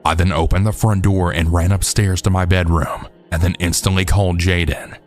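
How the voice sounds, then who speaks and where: A man narrating true scary stories in a steady, measured storytelling voice. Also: low-pitched. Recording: faint background music.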